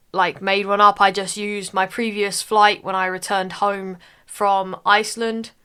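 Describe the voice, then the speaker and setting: A young woman from the United Kingdom guides viewers through an online form in a casual screen recording, often pausing on "uh." She has a medium pitch and a pushed, bright, clean tone.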